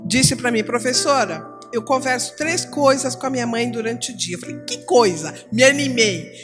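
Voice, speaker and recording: A middle-aged Brazilian woman teaching at church, telling classroom stories and acting out the dialogue in a lively way. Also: fairly high pitch, moderate pace, music in the background. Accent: Brazilian Portuguese. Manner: animated storytelling, acting out dialogue.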